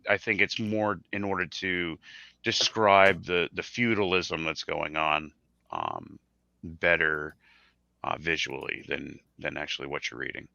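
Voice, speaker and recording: A man on a podcast panel, speaking haltingly with many fillers. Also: low-pitched, lively intonation, vocal fry, sharp tone, no echo, dull audio. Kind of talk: casual podcast chat.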